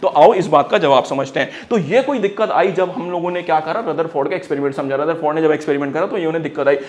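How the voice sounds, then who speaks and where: A male teacher runs a lively science class with a voice pitched high for a man. He keeps it slangy and playful, firing quick questions at his students and calling them brother. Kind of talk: energetic classroom lesson.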